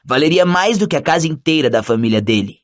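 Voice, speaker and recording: A man's voice: a little high, animated, fast talker, close to an everyday voice. A man voicing an arrogant, scornful rich schoolboy bully in an audiobook, with a mocking drawl. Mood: sneering. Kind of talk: audiobook character voice.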